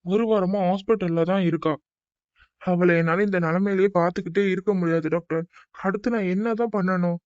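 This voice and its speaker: A man's voice: high voice, fairly even intonation, brisk, darkish tone, clean tone, no echo, lightly acted. A man voicing a frightened young cartoon husband who pleads with a doctor. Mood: desperate. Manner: desperate, pleading. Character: worried young husband at a hospital. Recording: dull dry recording with faint music.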